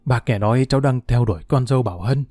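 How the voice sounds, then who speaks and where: A man's voice: mid-range voice, fast talker, dark tone, dry recording, clean studio sound, soft background music, close to an everyday voice. A man voicing a firm, caring older mother-in-law in a storybook reading.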